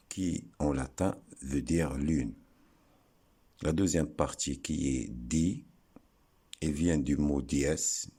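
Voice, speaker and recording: A man giving a slow, deliberate lesson, breaking words into syllables and pausing often. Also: extremely low pitch, dark tone, slightly rough. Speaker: teacher explaining word origins.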